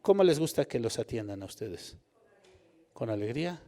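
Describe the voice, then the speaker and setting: A man preaching a sermon in an animated way, often putting questions to the congregation. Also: medium pitch, moderate pace, in a large hall. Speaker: pastor.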